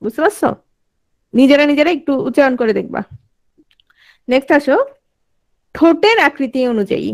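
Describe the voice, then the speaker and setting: A woman's voice: high-pitched, animated, normal speed, pauses often. A woman teaching a class, sounding out vowels and quizzing her students. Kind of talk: online class lecture.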